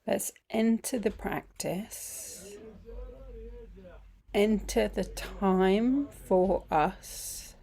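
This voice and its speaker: A woman leads a guided body scan in an unhurried, gentle way. Her pitch sits in a middling range, and she often pauses on ums. Some phrases drop to a soft whisper. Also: gravelly. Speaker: breathwork and mindfulness teacher.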